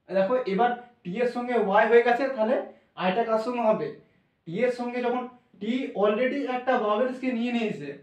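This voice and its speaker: Male teacher, high voice, spells words letter by letter, recorded from a distance in a roomy hall. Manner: spells words out letter by letter, repeats and self-corrects. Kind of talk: classroom lesson explaining English pronunciation. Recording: echoey room, voice from a distance.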